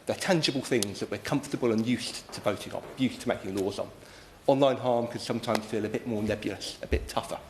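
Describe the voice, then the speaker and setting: A British man speaks in a lowish voice, delivering a formal parliamentary speech. He is earnest, measured and wordy. The room is echoey, with faint noise behind him. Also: a little mellow. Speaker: member of parliament. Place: parliamentary debating chamber.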